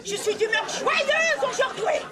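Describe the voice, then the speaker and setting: A woman voicing a cruel, greedy ogress mother who shouts and gloats in drawn-out boasts. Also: very high voice, expressive, a loud crowd, voice pushed up. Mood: gloating.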